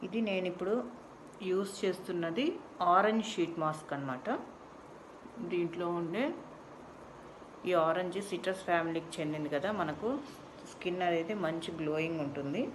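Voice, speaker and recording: A woman's voice: lowish voice, very fast, long pauses, noisy background. Chatty Telugu-accented woman through a sheet mask. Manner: chatty, explains step by step. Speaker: beauty vlogger. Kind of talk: casual product demonstration.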